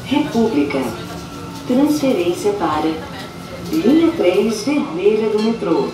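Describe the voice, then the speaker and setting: A woman's recorded voice announcing the next stations over a subway train's loudspeaker intercom, formal and measured. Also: medium pitch, sing-song, over music. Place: inside a moving subway train. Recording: echoey, distant onboard loudspeaker.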